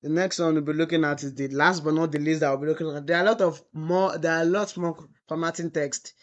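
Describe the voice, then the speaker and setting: Guy doing a coding tutorial, kinda high voice, keeps going "what?" then answering himself. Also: fairly even intonation, fast, dull audio. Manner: asks the class rhetorical "what?" questions, then answers them; drawls and trails off while typing example text. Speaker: web development instructor. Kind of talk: screen-recorded coding tutorial.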